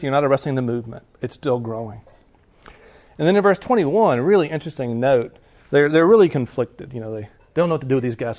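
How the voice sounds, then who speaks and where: A man's voice: a little high, a little mellow. A man preaching a sermon in a casual, conversational way, often slipping into quoted lines. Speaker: pastor.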